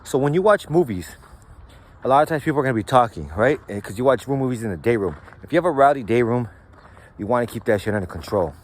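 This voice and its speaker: A man's voice: medium pitch, lively intonation, quick pace, slight background noise. Slangy man talking casually. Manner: slangy and profane, lots of "like" and "right?". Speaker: host. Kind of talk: casual storytelling monologue.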